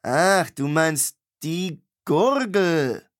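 A male audiobook reader voicing a grubby, gruff middle-aged tavern keeper who talks bluntly in coarse slang. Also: mid-range voice, a little slow, lightly acted.

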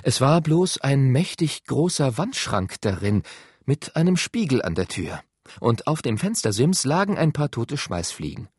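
A man narrating an audiobook in an expressive storytelling manner. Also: mid-range voice, unhurried, husky, no echo, clean studio sound. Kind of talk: scripted narration.

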